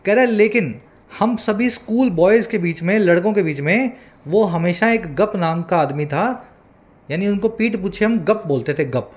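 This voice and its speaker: High-voiced tutor explaining vocabulary. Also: male voice, lively intonation. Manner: explains with many asides and checks like "है ना"; reads English lines slowly and deliberately. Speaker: English tutor. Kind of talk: Hindi-English newspaper reading lesson.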